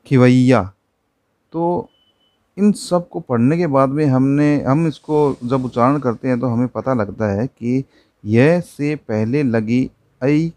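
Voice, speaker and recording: A man's voice: medium pitch, dark tone, dry recording. A man teaching a primary-school Hindi lesson, patiently explaining words with examples.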